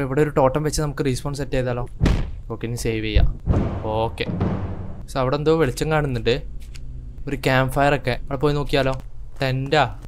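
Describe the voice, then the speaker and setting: A man with a Kerala Malayalam accent commentating a horror game for his channel, chatty, shouting in sudden bursts when attacked. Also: mid-range voice, background noise. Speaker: gaming YouTuber. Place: indoors with rain heard outside.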